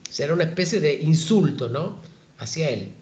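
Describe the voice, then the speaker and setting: Man, Talmud teacher, informal lesson, reflective and hesitant, slightly high voice, dull lo-fi sound. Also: expressive, a little fast, mellow, reverberant. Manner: reflective, with frequent hesitations and rhetorical questions.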